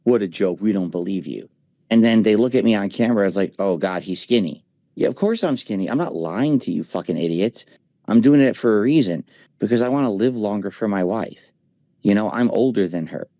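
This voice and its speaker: Man in his forties, low voice, mellow tone, dry dull lo-fi voice chat sound, emphatic and profane. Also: lively intonation, brisk, dry recording. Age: 40s. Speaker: streamer. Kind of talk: casual voice chat. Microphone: voice chat mic.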